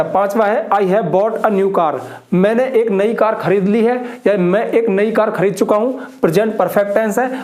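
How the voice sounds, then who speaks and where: Male grammar teacher, high-pitched, patient and repetitive, roomy classroom sound. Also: a little mellow. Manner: explains slowly, repeats and stresses points. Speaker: English teacher. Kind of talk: classroom-style grammar lesson. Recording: echoey room.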